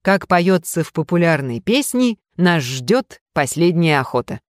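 An audiobook reader voicing a brisk, decisive spinster sleuth in a detective story. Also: mid-range voice, sing-song, no echo, studio quality.

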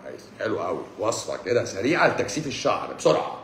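Fast, sarcastic Egyptian man in an echoey room. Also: fairly low pitch, big pitch swings, a little hiss or hum. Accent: Egyptian Arabic. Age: 40s. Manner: sarcastic, mocking, swings between loud outbursts and mutters. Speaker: doctor hosting a live stream. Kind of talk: casual live-stream chat answering comments.

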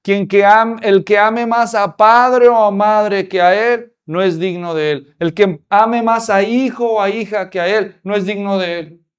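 A man's voice: sits high, fairly even intonation, a little slow, hardly any pauses, smooth. A man preaching a sermon, often putting rhetorical questions to the congregation.

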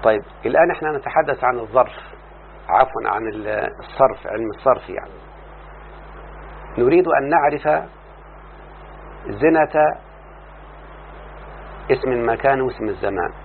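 A man with an Egyptian accent teaching a classroom lesson, explaining slowly and often checking that his students follow. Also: mid-range voice, gravelly. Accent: Egyptian Arabic. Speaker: teacher of Arabic morphology. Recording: tinny lo-fi line with faint hum.

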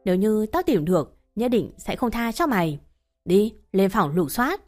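A woman's voice: mid-range voice, very animated, a little fast, natural voice. A woman voicing an older mother-in-law who scolds and accuses her daughter-in-law in a harsh, coarse way, over faint background music. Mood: shrill accusing. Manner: abusive, uses coarse address terms.

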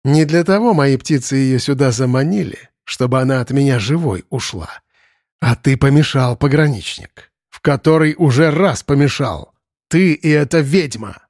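A man's voice: medium pitch, animated, normal speed, a little mellow, dry recording, clean studio sound, natural voice. A man voicing a mocking, shapeshifting bird spirit that has taken over a boy's body, in an audiobook. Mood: taunting. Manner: sneering, taunting. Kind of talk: audiobook character voice.

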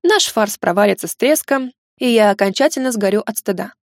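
A young woman narrates a romance novel in the first person, with expressive, dramatic reading. Her voice sits at a medium pitch. The recording is dry and close, with no room echo. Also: a little fast. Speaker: audiobook narrator.

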